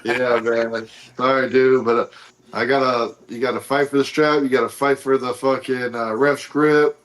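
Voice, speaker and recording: A man's voice: medium pitch, flat delivery, moderate pace, a bit bright. A man with a mid-range voice talking in a casual podcast chat. He sounds laid-back and casual, and he swears freely. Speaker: co-host and arm wrestler.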